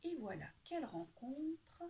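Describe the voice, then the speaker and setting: A woman reading a children's picture book aloud with lively, expressive storytelling. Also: high-pitched, measured pace, creaky.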